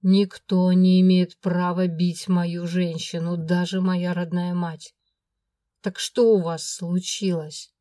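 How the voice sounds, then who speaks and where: A woman voicing a stern, possessive male dragon lord who speaks in a gruff, commanding way. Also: on the low side, steady tone, moderate pace, dark tone, no room sound, clean studio sound, lightly acted.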